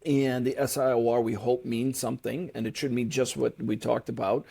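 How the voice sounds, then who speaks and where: A man's voice: mid-range voice, flat delivery, moderate pace, creaky, mellow, husky. A middle-aged man, a guest on an interview show, explaining at length in a conversational way, with fillers and restarts. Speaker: guest, commercial real estate broker.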